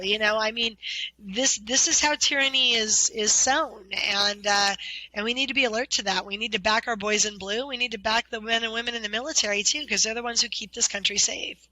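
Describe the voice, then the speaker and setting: A woman's voice: on the high side, bright, forceful tone, no echo, poor audio. A woman in her fifties from California, talking politics in a casual, emphatic, indignant way as a guest. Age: 50s. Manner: emphatic, indignant, repeats words.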